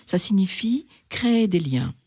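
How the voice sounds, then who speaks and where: A reader voicing a wise, weary fox who longs for a friend, gravelly and musing, sometimes whispering, reading aloud in two voices. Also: medium pitch, big pitch swings, warm tone, no echo, exaggerated voice. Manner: slow, musing, confiding, dropping to whispers.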